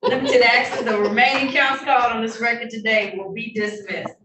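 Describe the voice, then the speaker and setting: A woman's voice: a little high, fairly even intonation, brisk, crowd noise. A woman judge presiding over traffic court hearings, formal yet friendly as she reads out charges and rulings, heard in a courtroom recording. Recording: roomy, distant courtroom recording with faint noise.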